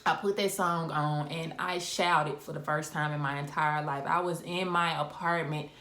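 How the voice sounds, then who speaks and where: A woman's voice: sits low, normal speed. Young woman vlogger, candid storytime chat on a phone, echoey room. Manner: candid, animated storytelling with asides and laughs. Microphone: phone camera. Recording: roomy echo.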